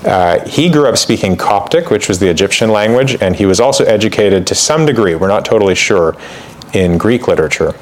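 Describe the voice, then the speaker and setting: A man gives an informal church history lecture in a fairly low, animated voice at a fairly quick pace, talking conversationally with fillers and asides. He reads quoted passages aloud with extra emphasis, and there's slight background noise.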